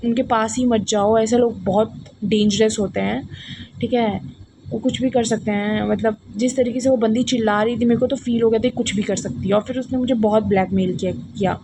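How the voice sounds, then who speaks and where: A young woman from India with a slightly high voice shares a personal storytime in a vlog. She talks earnestly, scattering English phrases and "okay?" through her speech. Steady background noise from the room sits under her voice. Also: brisk. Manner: earnest, mixing English phrases into Hindi, many fillers like "ठीक है?". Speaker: vlogger.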